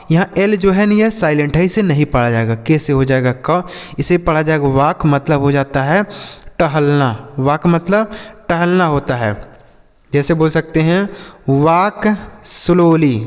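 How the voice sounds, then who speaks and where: A man teaching English words in Hindi, spelling each letter and repeating each example sentence slowly, often checking in with viewers. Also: fairly high pitch. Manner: addresses viewers as friends, frequent okay checks. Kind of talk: slow spelling-and-meaning lesson. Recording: reverberant room.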